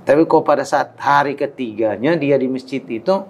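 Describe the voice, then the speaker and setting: A man's voice: mid-range voice, normal speed, muffled recording. A man from Timor, an Islamic preacher, telling his life story in a casual interview, acting out quoted dialogue and laughing often.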